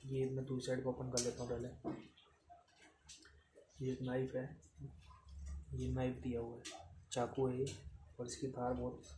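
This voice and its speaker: A man, casually demonstrating camping gear in an unscripted way and filling pauses with "theek hai". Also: medium pitch, monotone. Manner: unscripted, repeats "ठीक है", counts items aloud. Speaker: product reviewer. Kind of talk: casual unboxing demo. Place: room with tiled floor, indoors. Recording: echoey tiled room, noisy.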